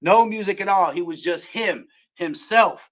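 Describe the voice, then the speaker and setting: A man hosting a wrestling show, recapping a match play by play and building to shouts at the near-falls. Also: high voice, lively intonation, measured pace.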